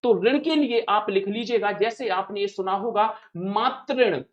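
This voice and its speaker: In an exam-prep grammar lesson, a man with a high voice teaches at a measured pace, the recording's highs cut off. He repeats every point, asks and answers his own questions, and familiarly calls viewers "brother."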